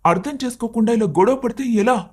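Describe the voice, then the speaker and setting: A man voicing a patient young husband in an animated story, reasoning and pleading with his wife, now and then angry. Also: very high-pitched, fairly quick, slightly rough. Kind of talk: animated cartoon story voice acting.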